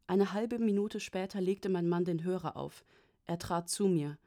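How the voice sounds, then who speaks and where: A woman narrating a first-person story as an audiobook, in an even, measured way. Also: fairly low pitch.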